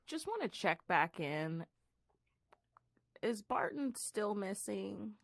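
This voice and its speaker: A woman's voice: medium pitch, sing-song, slow, vocal fry. Bubbly woman podcast co-host on a phone. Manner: bubbly, laughing. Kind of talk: casual podcast chat. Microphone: iPhone.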